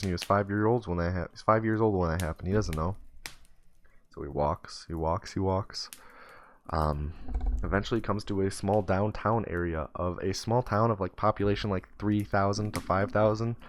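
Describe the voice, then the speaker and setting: Low-pitched man, casual profane storyteller, faint keyboard clicks under him. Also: moderate pace, slight background noise. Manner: loose, profane, rambling with fillers. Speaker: streamer.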